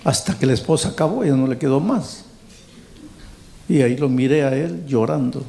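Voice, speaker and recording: Gravelly, mellow-voiced man preaching. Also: mid-range voice, normal speed, slight background noise. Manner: repeats words for emphasis and speaks straight to the listener. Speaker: pastor. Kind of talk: sermon with personal storytelling.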